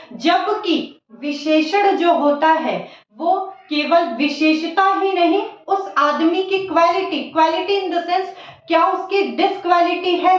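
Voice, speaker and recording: A woman teaching an English grammar lesson, repeating key words slowly and putting questions to her students, mixing Hindi with English terms. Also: very high-pitched. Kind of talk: classroom lesson explaining grammar. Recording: echoey, distant, dull lo-fi sound.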